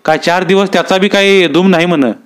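Timid, worried farmer, put on by a male storyteller, higher-pitched and hesitant. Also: fairly even intonation, fairly quick, clean tone, close to an everyday voice. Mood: anxious. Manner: hesitant rustic village speech.

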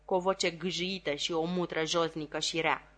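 A vain, pompous male stage actor, played by a woman reader in a storybook reading. He speaks with a lofty, self-important air and a somewhat low voice. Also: fairly even intonation, a bit bright.

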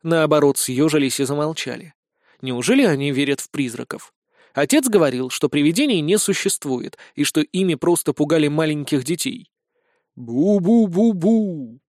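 A man narrating a comic fantasy audiobook with lively, brisk storytelling. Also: a little high, no echo, studio quality.

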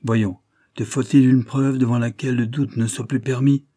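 A man reading the lines of a cynical older gentleman with a gray mustache in a cool, cutting, worldly-wise manner. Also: mid-range voice, fairly even intonation, normal speed, dry recording, studio quality, natural voice. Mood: challenging. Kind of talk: audiobook character reading.

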